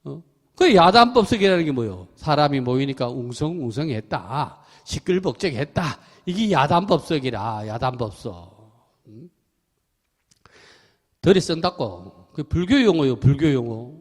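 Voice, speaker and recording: A middle-aged Buddhist monk with a Gyeongsang accent, giving a chatty sermon that mixes stories and teaching, laughing often and asking the listeners questions. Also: male voice, mid-range voice, very animated, a little slow. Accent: Gyeongsang Korean. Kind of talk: sermon with storytelling. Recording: temple hall with long reverb.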